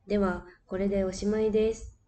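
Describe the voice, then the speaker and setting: A woman's voice: medium pitch, brisk, close to an everyday voice. A woman as a kind squirrel teacher. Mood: gentle. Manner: calm, reassuring teacherly tone. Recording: distant mic with faint hiss.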